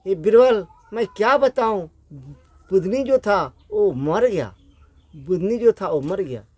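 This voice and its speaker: A man's voice: sits high, animated, slow, a little mellow, no room sound, heavily acted. A man voicing a devoted, tearful queen who weeps along with her husband, in a spoken folk story. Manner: doting, tearful.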